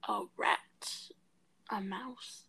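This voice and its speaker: Young woman, slow drawl, sassy, whispers sometimes, podcast banter. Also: mid-range voice, fairly even intonation, vocal fry, sharp tone, husky. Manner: sassy, drops into whispers, giggly. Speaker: podcast co-host. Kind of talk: casual chat.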